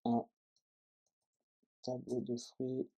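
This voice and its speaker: A man's voice: medium pitch, monotone, drawn-out words, mellow. A man teaching a coding lesson in French as he types, explaining each step and often checking in with the viewer. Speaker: programming tutor. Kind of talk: screen-recorded coding tutorial.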